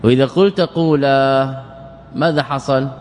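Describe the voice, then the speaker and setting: Arabic scholar teaching in a reverberant hall. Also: male voice, mid-range voice, moderate pace, darkish tone, slight background noise. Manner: explains step by step, repeating words and verse lines. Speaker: Islamic scholar teaching morphology. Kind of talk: classical Arabic grammar lesson.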